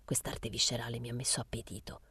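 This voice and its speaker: A woman's voice: sits low, brisk, dark tone, no room sound. A woman reading the part of a playful, mock-gallant male painter who teases and flirts. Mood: whispering.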